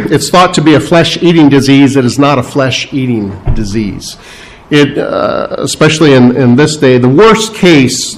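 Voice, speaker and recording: A man's voice: mid-range voice, a little hiss or hum, poor audio. A man preaching a verse-by-verse sermon, speaking unscripted with frequent fillers and restarts. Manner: unscripted, halting delivery with many fillers and restarts; explains scripture verse by verse, stressing key words. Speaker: pastor.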